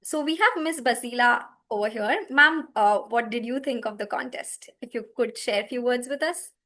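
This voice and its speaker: A woman's voice: on the high side, moderate pace, bright, forceful tone. A woman hosting a live event in a casual, encouraging way. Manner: encouraging, addresses listeners as dear and y'all. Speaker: host of a children's reading contest.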